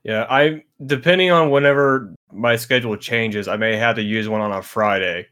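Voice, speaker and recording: Halting man in casual podcast chat. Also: fairly low pitch, a bit bright. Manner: halting, lots of fillers and repeats. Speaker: podcast co-host.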